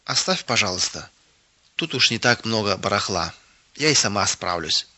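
A man's voice: on the low side, animated, normal speed, pushed and bright, muffled recording, pitched below the performer's own voice, heavily acted. A man reading the lines of a sulky, jealous young girl in a grumbling tone. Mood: curt.

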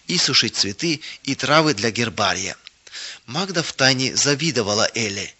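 Bright-voiced man reading a story. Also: mid-range voice. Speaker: narrator. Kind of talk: scripted storybook narration. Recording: dull lo-fi recording.

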